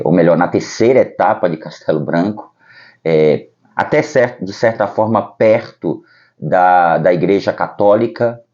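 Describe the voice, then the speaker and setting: Man, Brazilian accent, priest giving personal testimony, low mellow voice, dull lo-fi sound. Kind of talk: personal vocation testimony to camera. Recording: dull lo-fi recording.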